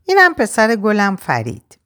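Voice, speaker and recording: A woman voicing a soft-spoken young mother. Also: medium pitch, huge pitch swings, voice pushed up. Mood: affectionate. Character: young mother, warm but troubled.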